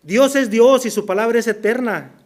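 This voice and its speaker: A man preaching a sermon as pastor, telling a story and acting out its dialogue, sometimes dropping to a hushed voice for emphasis. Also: very high-pitched, normal speed. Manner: storytelling, acts out dialogue, drops to near whisper for emphasis. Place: church.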